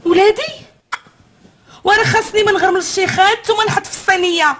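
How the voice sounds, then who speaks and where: A woman's voice: very high voice, fast talker, fairly bright tone, a little hiss or hum. An actress playing a Moroccan wife who nags and complains to her husband in film dialogue. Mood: scolding. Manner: nagging, complaining. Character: nagging married woman, scolding her husband.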